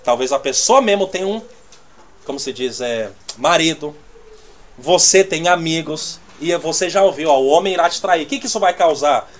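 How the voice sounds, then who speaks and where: A man's voice: on the high side, lively intonation, moderate pace. Man teaching a church class. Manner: conversational, checks the audience with constant "né?" and "tá entendendo?"; loudness swings from near-muttered asides to emphatic bursts. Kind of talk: teaching sermon to a congregation.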